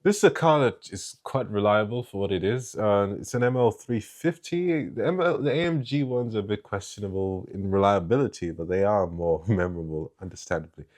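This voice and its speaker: A man's voice: on the low side, a little fast, hardly any pauses, a little mellow. Rambling young man ranking cars. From East Africa. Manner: rambling, hesitant with many fillers and restarts. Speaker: car reviewer. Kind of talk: casual tier-list review.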